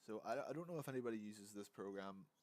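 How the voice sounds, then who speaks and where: A man's voice: lowish voice, animated, fast talker, darkish tone. A man, hungover, rambling through a casual animation tutorial at his computer, often correcting himself. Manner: rambling, self-correcting, easygoing. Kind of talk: casual screen-recorded tutorial.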